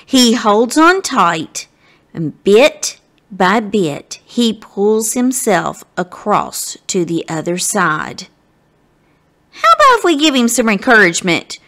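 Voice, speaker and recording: A woman with a mid-range voice reads a children's story aloud as a guest reader, addressing her listeners directly. Her delivery is slow, expressive and dramatic.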